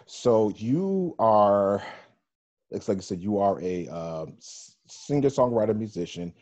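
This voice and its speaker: A male radio host running a casual interview, his voice very low and warmly mellow. He rambles, circling back through fillers and restarts before landing on his questions, with a husky grain throughout. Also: animated, unhurried.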